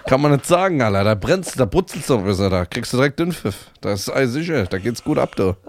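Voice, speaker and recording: A man's voice: mid-range voice, sing-song, fast, a little hiss or hum. A man chatting on a podcast as a guest, joking crudely and mimicking other people. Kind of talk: casual chat.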